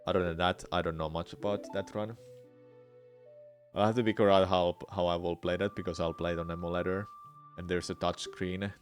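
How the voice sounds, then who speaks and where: Low-voiced man, speedrunner chatting while playing. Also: fairly even intonation, a little fast. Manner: speedrunner talk, offhand half-distracted replies to chat while playing. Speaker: speedrunner streaming live game attempts. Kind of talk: casual speedrun livestream chat. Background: music.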